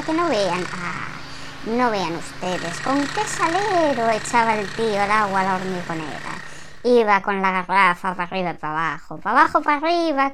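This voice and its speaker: A woman from delivers a comic monologue in a high-pitched voice. She tells it in an exasperated, expressive way. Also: a little hiss or hum.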